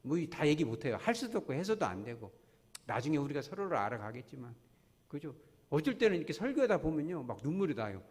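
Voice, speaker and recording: A man's voice: on the high side, sing-song, fast, darkish tone. A man preaching a sermon in a church, telling stories earnestly and asking the congregation question after question. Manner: earnest, storytelling, many rhetorical questions to the congregation. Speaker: pastor. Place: church sanctuary. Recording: long church reverb.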